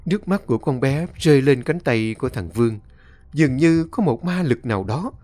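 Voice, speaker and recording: A male storyteller narrating a horror story in a dramatic, expressive reading. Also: mid-range voice, normal speed, no echo. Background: faint music.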